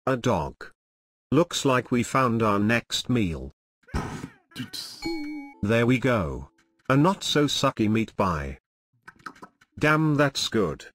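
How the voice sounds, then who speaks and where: A man's voice: mid-range voice, sing-song, slow, long pauses, a bit bright. A man giving crude, brash comedic commentary while playing a video game. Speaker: gameplay commentator.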